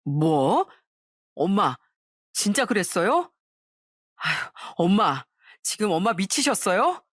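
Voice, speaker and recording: A woman's voice: mid-range voice, very animated, slow pace, a bit bright, no room sound, clean studio sound, heavily acted. A woman voicing a flustered young husband in an audio story, sounding baffled and exasperated. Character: flustered young husband caught between wife and mother.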